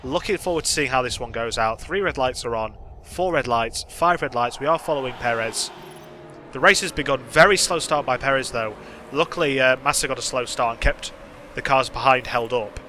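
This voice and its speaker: Bright-voiced young man chatting over gameplay. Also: mid-range voice, a little fast, a little hiss or hum. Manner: chatty, self-deprecating, thinking aloud with fillers. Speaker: gaming channel host. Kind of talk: casual game commentary.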